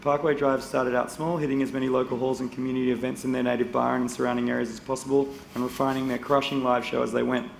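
A man with a strongly gravelly, creaky voice moderates a panel, reading a guest introduction in a relaxed, chatty way. His voice rings through a roomy hall, with faint noise underneath. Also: mid-range voice, fast, hardly any pauses. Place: indoor conference stage.

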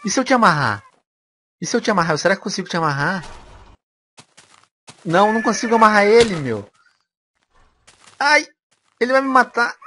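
A young man with a Brazilian accent commentating a game he is playing, animated and quick to squeal and laugh. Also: high voice, slight background noise. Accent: Brazilian Portuguese. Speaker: gaming video host.

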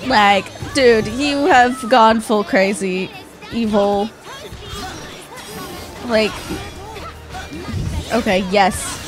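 A young woman commentates casually as she plays a video game. Her voice is a bit high and her delivery is playful and sarcastic. Faint game music runs underneath. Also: fairly even intonation, extremely slow, long pauses, a crowd in the background. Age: young adult. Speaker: gaming streamer. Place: small room indoors with shelves.

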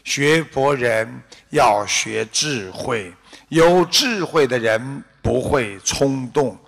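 A man with a Shanghainese-accented Mandarin, giving a deliberate, unhurried Buddhist dharma talk with a parable in a hall. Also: medium pitch, lively intonation, creaky, a bit bright. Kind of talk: slow measured sermon with parable.

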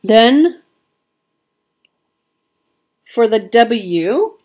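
A woman's voice: a little high, sing-song, extremely slow, a little mellow. A woman with a Midwestern American accent chatting casually as a cross-stitch vlogger, with frequent ums. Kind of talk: casual show-and-tell chat.

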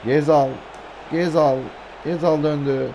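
Hoarse excitable man commentating a game. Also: on the high side, slow, noisy background. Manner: excitable, shouts player names in bursts. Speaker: gaming YouTuber. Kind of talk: live commentary over a football video game.

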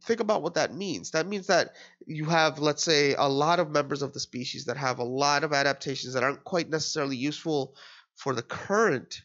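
A man in his thirties, tutoring, works through an exam question aloud, his voice a little high, fairly quick and fairly bright. A cold makes him sound nasal, and he thinks out loud with fillers and restarts, captured on a dull lo-fi screen recording.

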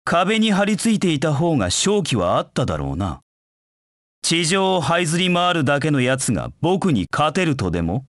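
A man's voice: on the high side, wildly swooping pitch, moderate pace, dry recording, studio quality. An actor playing a proud, cold hedgehog knight in a Japanese video game, curt and disdainful in his delivery. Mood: cool, watchful. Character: proud, cold anthropomorphic hedgehog knight, a brooding young male rival.

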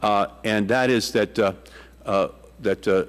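A man in his sixties with a Boston accent chairs a congressional hearing, speaking into a desk microphone in a large hearing room where a long reverb tail lingers. His voice is on the low side, smooth and steady, at a measured pace. His questions are full of fillers and restarts.

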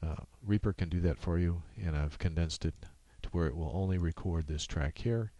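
A software tutorial presenter with a low, mellow voice narrates a screen capture, casually explaining each step off the cuff and halting as he goes. Recorded on a USB microphone, the audio is dry and dull, with no echo or room.

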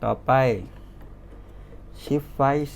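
A man's voice: extremely slow, slight background noise. A Thai-accented man talking casually as he demos and reviews a toy, pointing things out as he goes. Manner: chatty, hands-on, pointing things out.

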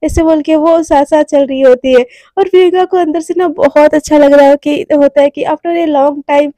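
A woman's voice: high voice, fairly even intonation, moderate pace, warm tone, no room sound. A young woman telling a story in a chatty, informal way with many asides. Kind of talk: casual storytelling.

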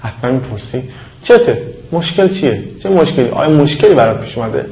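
A man whose first language is Persian teaches English phrases in a video lesson, speaking English with a Persian accent and repeating each phrase slowly and clearly. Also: medium pitch, animated, a little mellow, echoey room, low-quality recording.

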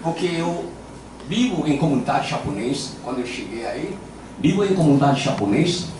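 His mid-range voice now rises and falls in big pitch swings at a normal speed. The older man, Japanese-accented and speaking Portuguese, tells playful stories at his own expense during an informal acupuncture lecture, handheld mic in hand, before a crowd in a big hall. The audio is echoey and noisy from a distant camera.

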